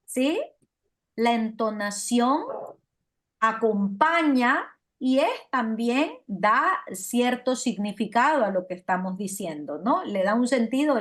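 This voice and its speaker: Lively woman teaching, checking in often. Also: a little high. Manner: lively, asks "¿verdad o no?" and "¿sí?" to check understanding. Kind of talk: classroom lecture.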